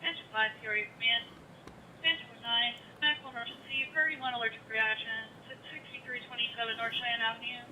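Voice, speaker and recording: Bright woman dispatcher on police radio. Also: a little high, fast talker. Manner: steady, repeats addresses and codes. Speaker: emergency dispatcher. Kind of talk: reading out dispatch calls. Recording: distant radio with faint noise.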